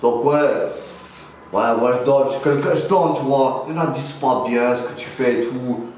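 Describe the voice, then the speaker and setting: A man's voice: medium pitch, moderate pace, a little mellow, natural voice. Casting: male performer as cocky young street dealer, mock interview, loose French street slang, heavy room echo. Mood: self-justifying. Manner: slangy, rambling, punctuated with filler address words. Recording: very echoey room, faint noise.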